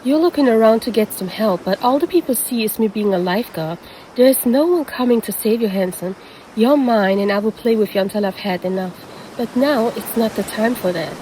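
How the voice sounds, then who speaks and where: A woman's voice: medium pitch, mellow, slight background noise, natural voice, poor audio. A woman voicing a predatory female siren who poses as a lifeguard and teases the listener in an audio roleplay. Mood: teasing, menacing. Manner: teasing, calls the listener handsome.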